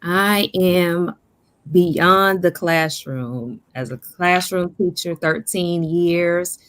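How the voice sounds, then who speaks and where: Female consultant, very low voice, dry sound, halting with fillers. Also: fairly bright tone, clear, resonant tone, no room sound. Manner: halting, many fillers and repeated words. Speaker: former teacher, education consultant. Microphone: video call.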